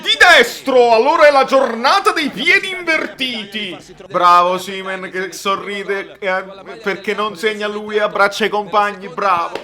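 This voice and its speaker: A man reacting live to a football match as a fan, emotional and exclamatory, with swearing and bursts of shouting. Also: sits high, a little slow, crowd noise.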